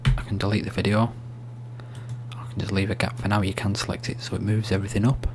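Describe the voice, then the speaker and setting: A soft-spoken man giving an ASMR-style screen tutorial, explaining steps in a hushed, unhurried, informal way. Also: lowish voice, flat delivery. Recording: faint hum and background noise.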